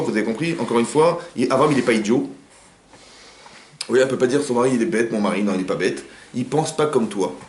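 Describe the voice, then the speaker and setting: A man who is a rabbi giving an informal Torah class in a private home, talking quickly and firing rhetorical questions at his listeners. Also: mid-range voice, a little hiss or hum. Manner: rapid, animated, asks the audience rhetorical questions. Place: living room of a private home. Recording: roomy home recording.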